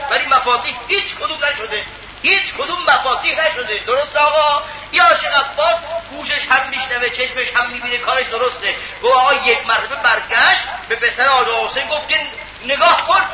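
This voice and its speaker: A man giving an emphatic sermon, asking his listeners rhetorical questions. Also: very high voice. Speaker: preacher. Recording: echoey, dull lo-fi sound with clear background noise.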